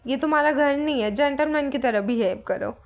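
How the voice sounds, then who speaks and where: A woman's voice: high-pitched, brisk, gravelly. A woman voicing a stubborn young woman who firmly defends her family's land. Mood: defiant. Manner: defiant, firm. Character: stubborn young woman, landowner's daughter, defiant.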